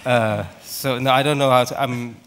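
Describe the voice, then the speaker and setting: A man's voice: mid-range voice, steady tone, normal speed, fairly bright tone. Joking man. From Denmark. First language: Danish. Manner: joking, self-deprecating, laughs between remarks. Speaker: actor on a press panel. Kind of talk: press conference answer. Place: large press conference room. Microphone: table microphone.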